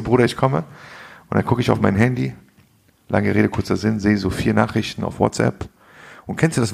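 A man telling a story casually on a podcast in heavy street slang, animated and full of asides. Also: medium pitch, gravelly. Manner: slangy, animated storyteller, says "Alter" a lot. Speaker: podcast co-host.

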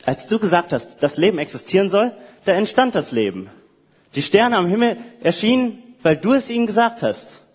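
A man speaking directly to God in a reflective, prayer-like monologue, halting and hesitant, with frequent restarts. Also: high-pitched, very animated, husky, in a large hall.

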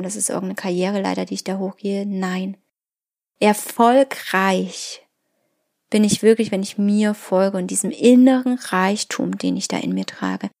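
A woman hosting a podcast, speaking to the listener in a calm, reflective self-help monologue and sometimes dropping to a soft whisper. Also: medium pitch. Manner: calm, addresses the listener directly, drops to a soft whisper at times. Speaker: podcast host.

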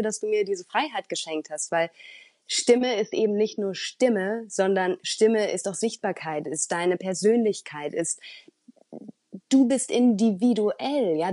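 A woman voice coach who talks earnestly and expressively as an interview guest, with the odd filler pause. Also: medium pitch, a little mellow, no room sound, studio quality. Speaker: voice coach and speaker.

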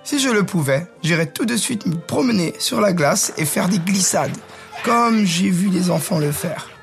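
A man voicing a naive, newly built snowman who asks puzzled, gentle questions in a storybook tale. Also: sits high, animated, normal speed, vocal fry, faint music behind, pitched above the performer's own voice. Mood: wistful. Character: naive newborn male snowman, curious and wondering.

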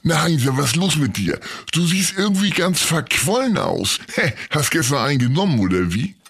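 A man's voice: a little high, big pitch swings, normal speed, gravelly, a bit bright, slightly rough. A man hosting a scripted comedy sketch, playing a teasing, exasperated straight man.

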